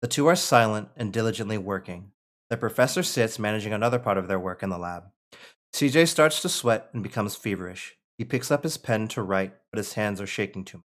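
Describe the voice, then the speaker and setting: At a table read, a man reads the screenplay's stage directions aloud informally, dropping in casual asides. His lowish voice is expressive and fairly quick.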